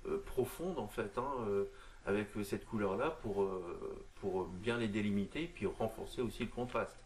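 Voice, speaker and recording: A man talking through a miniature painting tutorial in a casual, halting way, full of fillers and restarts. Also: lowish voice, darkish tone, a little hiss or hum. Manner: hesitant, lots of fillers and restarts, addresses viewer informally.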